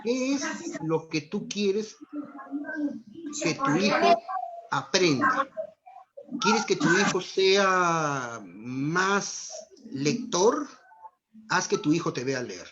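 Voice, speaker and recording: A man's voice: high-pitched, very animated, very slow, pauses often, noisy background. Man, Peruvian Spanish accent, earnest parenting lecture, rhetorical questions, dull lo-fi video call audio. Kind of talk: virtual parenting talk. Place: home during lockdown.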